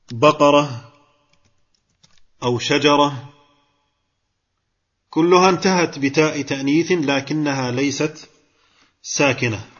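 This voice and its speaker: Husky-voiced male grammar teacher. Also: on the high side, fairly bright tone, muffled recording. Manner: explains step by step, quizzes and praises students. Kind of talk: classroom grammar lesson.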